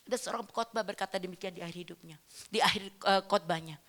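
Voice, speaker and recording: A middle-aged woman pastor, preaching a sermon that moves between hushed, slow testimony and loud, emphatic exhortation. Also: medium pitch.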